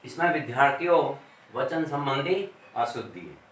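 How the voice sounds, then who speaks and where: A male teacher gives a classroom grammar lesson, speaking slowly and deliberately and repeating words as he writes on the board. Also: mid-range voice, big pitch swings, fairly bright tone, roomy sound, recorded from a distance, rough recording.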